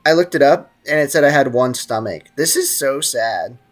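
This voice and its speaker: A man streams a game live, reading and answering chat with slangy, casual commentary while joking with and teasing his viewers. His medium-pitched voice is expressive and moves at a moderate pace.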